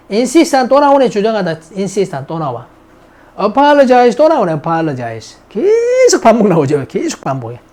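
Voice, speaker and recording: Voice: mid-range voice, a little mellow. An English grammar teacher, drilling vocabulary in a recorded lesson and chatting to the students between words.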